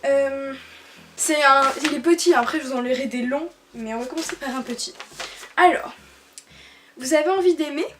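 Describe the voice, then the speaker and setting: A woman's voice: high-pitched, fairly quick, fairly bright tone, slight background noise. A young woman from France chatting casually on her bed in her bedroom, laughing often, with many fillers and restarts, filmed by a camera on a tripod. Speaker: YouTuber. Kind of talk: casual vlog chat.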